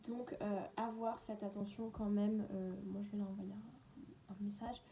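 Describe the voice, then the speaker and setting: A woman's voice: mid-range voice, fairly even intonation, unhurried, warm tone, a little hiss or hum. A woman in a casual, unedited beauty haul, chatting away and often dropping into a half-whisper. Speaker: beauty vlogger.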